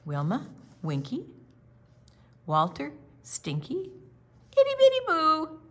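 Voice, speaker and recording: There's a little hiss or hum as a children's storytime reader with a high-pitched voice reads a picture book aloud. Slow and expressive, she uses huge pitch swings, emphatic words and brief explanations for the young listeners.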